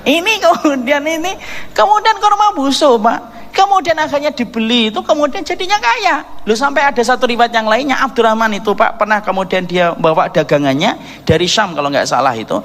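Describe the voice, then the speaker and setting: A man's voice: extremely high pitch, lively intonation, a little fast, fairly bright tone, in a large hall. A man preaching a midday radio sermon, telling stories, acting out dialogue and calling his listeners "Pak". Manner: storytelling, addresses listeners as Pak, acts out dialogue. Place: radio studio or mosque hall.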